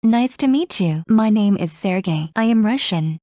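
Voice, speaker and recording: A woman reading scripted English practice dialogues in a slow, clear drill delivery. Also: mid-range voice, animated, dark tone, no room sound. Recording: muffled lo-fi recording.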